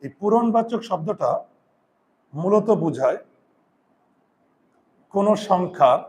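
A male grammar teacher giving a lesson, repeating key terms slowly, counting aloud and telling students to write things down. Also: high-pitched, lively intonation, a little mellow. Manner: counts aloud and asks rhetorical check questions. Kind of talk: classroom-style grammar lesson.

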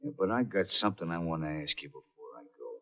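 An actor playing a tough, menacing male gangster in a 1940s radio drama, talking in rough slang, heard through an old AM radio broadcast. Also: deep voice, big pitch swings, fast, lo-fi sound. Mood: bitter, enraged. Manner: slangy tough-guy talk, threatening. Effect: old AM radio broadcast sound.

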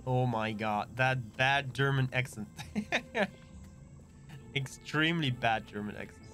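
A man streaming a video game live, giving relaxed commentary with chuckling asides into a desk mic. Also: mid-range voice, slow, soft background music.

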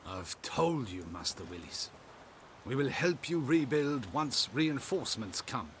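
An actor playing a stern garrison soldier in a video game, speaking curtly with authority. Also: male voice, mid-range voice, big pitch swings, a little slow, slight background noise. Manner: curt, authoritative. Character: stern imperial garrison soldier, adult man.

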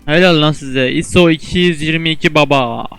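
A young man giving casual commentary over his own shooter match, excitable and quick to swear and trash-talk, shouting suddenly in tense moments. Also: a little high, gravelly, clean tone, faint music behind. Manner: excitable, swears and trash-talks teammates and enemies. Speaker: gamer and video host.

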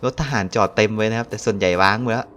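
A man's voice: on the low side, fairly even intonation, very fast, a bit bright, a little hiss or hum. A man hosting a mobile game let's-play, chatting casually, chuckling often and exclaiming when surprised. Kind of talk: casual gameplay commentary.

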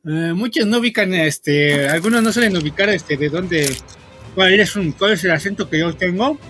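A man from Mexico with a Mexican accent, chatting to viewers while he plays, rambling, filling every pause with "este" and swearing at the game in bursts. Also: sits high. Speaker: gaming streamer. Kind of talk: casual gameplay commentary to viewers. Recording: loud game music under the voice. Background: game music.

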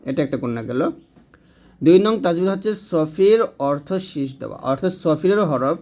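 Man, Quran reading teacher, patient, repetitive demonstrations, fairly high voice. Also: darkish tone. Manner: patient, repeats letters slowly and demonstrates sounds. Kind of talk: step-by-step lesson.

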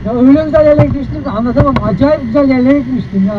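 A man's voice: extremely high pitch, racing. A man chatting casually and in a rambling, colloquial way as a motovlogger, talking inside a helmet while riding. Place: inside a helmet, outdoors on a moving motorcycle. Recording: muffled inside a helmet, loud engine and road noise.

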